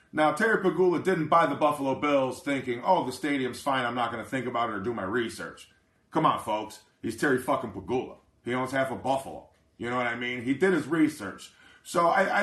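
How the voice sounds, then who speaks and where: A brash, foul-mouthed man rambles through a casual live chat, his voice bright and forceful. He keeps checking in with his listeners, and the sound rings around a roomy, echoey space. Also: on the high side. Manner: keeps asking "you know what I mean". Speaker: livestream host.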